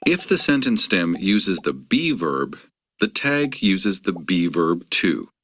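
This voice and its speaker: A man giving scripted instructional narration on grammar, measured and explanatory, acting out the example sentences. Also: deep voice, big pitch swings, fairly bright tone, no room sound, clean studio sound.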